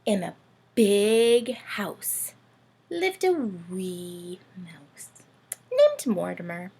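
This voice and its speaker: Her voice sits in the mid-range and she talks very slowly. She's a children's read-aloud host, reading and chatting to little ones in an animated, sing-song manner and often turning questions back to them.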